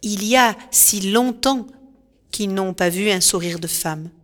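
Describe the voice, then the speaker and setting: A woman reading a storybook aloud in scripted narration, clear and expressive, in a reverberant recording with faint music behind. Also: medium pitch, a little slow.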